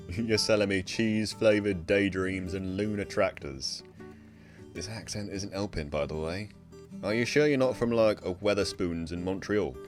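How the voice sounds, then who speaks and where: A man's voice: low-pitched, a little slow, soft background music. A man as a co-host in scripted comedy banter, teasing his guest in a dry, skeptical way.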